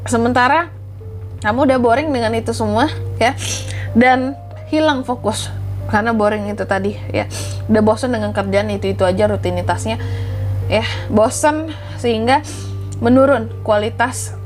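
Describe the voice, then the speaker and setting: A woman's voice: fairly high pitch, moderate pace, long pauses, soft background music. Stuffy-nosed Indonesian woman reading tarot. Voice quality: congested, stuffy-nosed voice from a cold. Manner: chatty, often ending phrases with questioning tags. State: has flu with blocked nose and sore throat, clearing throat. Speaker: tarot reader and host. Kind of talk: casual tarot reading narration.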